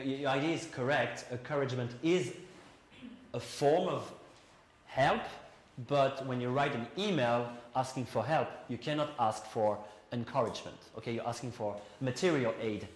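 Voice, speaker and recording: A man teaching an English class, explaining in a chatty way and putting questions to his students. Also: mid-range voice. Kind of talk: classroom lesson. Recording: roomy classroom echo, faint noise.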